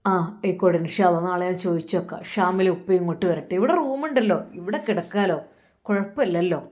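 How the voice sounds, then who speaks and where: A woman with a Malappuram Malayalam accent voicing a gentle, religious young husband who steadily reassures his wife. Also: fairly low pitch, fast talker, natural voice. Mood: soothing. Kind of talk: storytelling voice acting.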